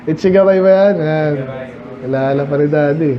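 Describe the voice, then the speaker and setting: A man gives a midweek Bible study sermon in a high voice, reading each verse and then unpacking it in a relaxed, conversational way. He keeps asking his listeners questions. The church recording sounds dull and lo-fi, with a faint hiss behind him. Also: moderate pace. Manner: explains English verses in conversational Filipino, rhetorical questions. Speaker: pastor.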